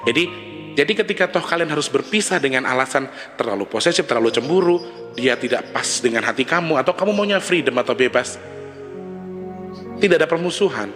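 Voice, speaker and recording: A man hosting a casual advice monologue, speaking in a preachy, lively way and acting out what partners say. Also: medium pitch, a little fast. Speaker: channel host. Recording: reverberant room with loud music.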